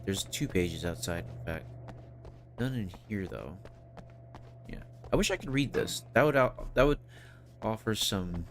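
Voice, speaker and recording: Deep-voiced man, wry game streamer. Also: slight background noise. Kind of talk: casual game commentary.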